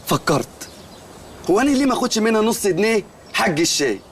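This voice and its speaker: A naive Egyptian shopkeeper. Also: male voice, high voice, sing-song, quick pace, slight background noise. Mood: earnest. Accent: Egyptian Arabic. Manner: rambling, literal-minded storytelling. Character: naive male shopkeeper, simple-minded and earnest. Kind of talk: comedy film dialogue.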